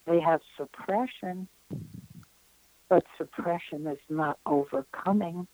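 An elderly woman in her nineties speaks as an interview guest, recounting a spiritual experience. Her voice sits low and warm, and she talks very slowly with many pauses. The sound is dry and close, with no room around it. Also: no echo, rough recording. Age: 90s. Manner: earnest, reflective, with frequent pauses.

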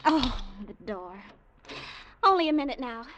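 A bubbly high-voiced bride-to-be. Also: female voice, very animated, a little slow, a bit bright, a little hiss or hum, exaggerated voice. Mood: affectionate. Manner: bubbly, teasing, laughs often. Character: cheerful young bride-to-be, playful and affectionate. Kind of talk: 1940s radio acting. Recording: dull lo-fi old radio recording.

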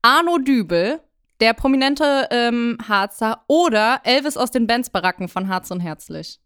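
Lauter, direkter Podcast-Talk einer jungen Frau. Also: female voice, a little high, expressive, measured pace, clear, resonant tone. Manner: loud, blunt, laughs often. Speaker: podcast co-host. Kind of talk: casual chat. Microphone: close podcast mic.

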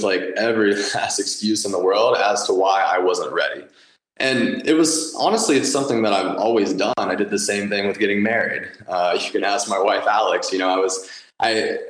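A man's voice: fairly low pitch, reverberant, rough recording. A man in his late twenties, a business founder being interviewed for a podcast, who talks with enthusiasm, with many fillers and restarts. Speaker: guest, nutrition company founder.

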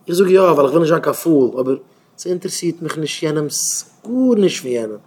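A man giving an impassioned moral talk, repeating his points and swinging from loud cries to low murmurs, sometimes in a lamenting singsong. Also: lively intonation, fairly quick, husky. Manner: repetitive, exhorting, swinging between loud outbursts and low murmurs.

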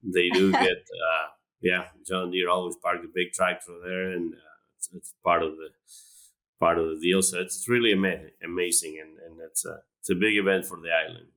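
A low-pitched man from Argentina talks through his career in a relaxed interview. His voice is bright and forward, and he often stops to restart a phrase. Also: normal speed, poor audio. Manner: hesitant, many restarts and fillers. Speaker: animal science professor, guest. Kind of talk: conversational interview.

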